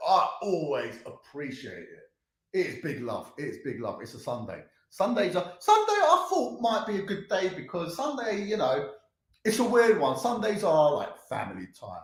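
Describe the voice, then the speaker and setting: A man hosting a live charity game stream, chatting excitedly to viewers as he plays. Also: a little high, echoey room. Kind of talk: live gameplay commentary.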